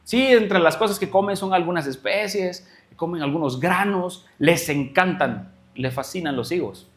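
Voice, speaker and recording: A man preaching as a guest speaker, telling a story and acting out quoted dialogue with animated swings in voice. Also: high voice, normal speed. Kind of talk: sermon storytelling.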